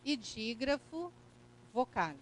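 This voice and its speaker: A woman's voice: on the high side, sing-song, takes it slowly, slight background noise, low-quality recording. A woman with a Brazilian Portuguese accent teaching a recorded grammar lesson, explaining step by step and checking in with "né?" and "correto?".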